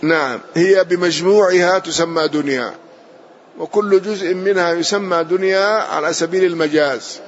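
Male teacher, fairly high voice, methodical line-by-line explanation that repeats itself for clarity, lo-fi hissy recording. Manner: measured explanation, repeats and rephrases, closes points with a short affirmation. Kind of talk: classical text lesson, explaining line by line. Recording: muffled lo-fi audio with faint hiss.

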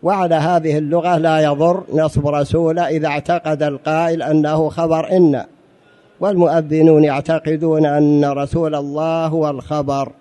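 This religious teacher's voice is on the high side and warm, with little pitch movement and a normal speed. Lecturing on jurisprudence, he patiently explains, calls his listeners brothers, repeats key phrases, and asks them rhetorical questions.

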